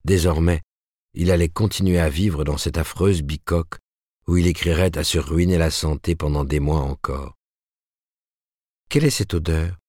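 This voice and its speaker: A man reads a novel aloud with a very deep, low voice. His delivery is measured and steady, recorded close and dry with no room sound. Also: dry recording. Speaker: audiobook narrator. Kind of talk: scripted narration.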